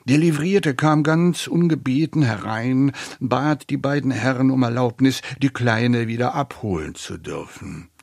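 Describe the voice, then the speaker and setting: Slow, gravelly male audiobook narrator. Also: medium pitch, dry recording, studio quality. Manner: measured, expressive storytelling.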